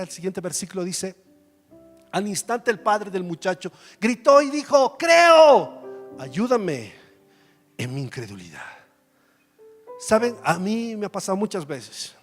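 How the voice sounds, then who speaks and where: High-voiced man preaching in a church hall. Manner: conversational preaching, rhetorical questions, acts out Bible dialogue. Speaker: pastor. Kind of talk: sermon. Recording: reverberant church hall with faint music.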